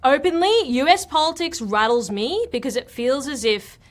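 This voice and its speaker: A woman with an Australian accent chats as a guest on a podcast. Her voice sits fairly high, and she talks plainly and directly, leaning on fillers like "look" and "like". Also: animated, moderate pace. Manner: chatty and direct, leans on "look" and "like". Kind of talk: casual interview chat.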